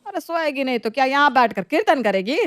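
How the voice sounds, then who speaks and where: A woman voicing a sharp-tongued, scolding middle-aged mother-in-law in a voiced story drama. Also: high voice, expressive, quick pace, no room sound, soft background music. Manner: sarcastic, nagging.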